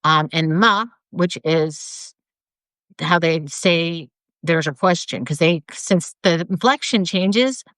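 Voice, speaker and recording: A woman in casual chat, explaining slowly with many restarts and fillers. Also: lowish voice, fairly bright tone, no echo. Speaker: co-host.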